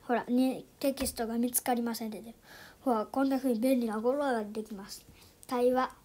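Over background noise, a YouTube channel host demonstrates a phone app in a relaxed tutorial, her high, light voice brisk and steady in tone. Chatty and full of small fillers, she often breaks off into hushed, near-whispered asides.

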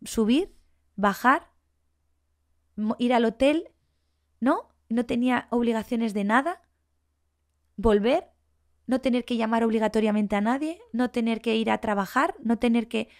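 A woman's voice: a little high, a little slow, long pauses. A woman in her forties with a Spanish accent from Spain, a podcast guest telling her own story candidly and with feeling, acting out what people said. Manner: emotional, animated, acts out past dialogue.

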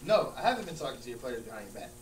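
A man's voice: medium pitch, sing-song, rapid-fire, close to an everyday voice. A man acting out a smug, exasperated friend who mocks and corrects emphatically in a comedy scene. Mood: fed up. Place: large room with small stage, indoors. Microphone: far camera. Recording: distant, echoey room with hum and noise.

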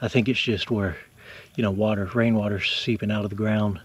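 A man's voice: fairly low pitch, steady tone, a little fast, noisy background. A man, narrating casually as he explores rural woods and thinks aloud about what he finds. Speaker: explorer vlogger.

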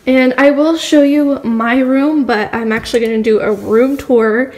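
Unhurried and darkish in tone, the girl's high voice keeps a fairly even intonation as she vlogs a casual walk through an empty house. Her talk is chatty, rambling and packed with filler, recorded on a phone at arm's length amid echoing bare rooms and faint room hum.

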